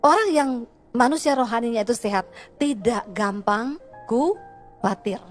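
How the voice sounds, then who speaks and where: A woman's voice: a little high, expressive, measured pace, soft background music. A woman pastor giving a sermon, telling stories and speaking straight to her congregation. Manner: conversational storytelling, addressing the congregation directly.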